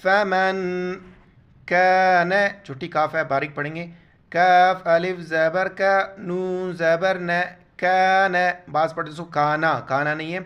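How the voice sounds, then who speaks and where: A man teaches Quran recitation in a clear, smooth voice, pitched a little high. He spells out each letter and vowel mark, then draws out the recited words at a very slow, deliberate pace. The sound is slightly dull and lo-fi. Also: fairly even intonation, a bit bright. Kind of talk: word-by-word Quran recitation lesson.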